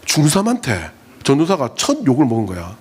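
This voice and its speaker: A middle-aged man preaching to a youth group as their pastor, animated and joking, acting out stories as he goes. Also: medium pitch, a little fast, breathy edge. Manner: animated, storytelling, jokes and acts out scenes. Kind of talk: youth sermon.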